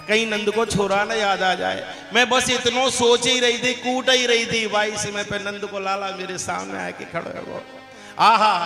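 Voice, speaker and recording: A male preacher with a lilt tells a devotional story, emotive and full of exclamations. His voice sits high for a man. It echoes through a large hall while devotional music plays behind him. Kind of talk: devotional katha sermon.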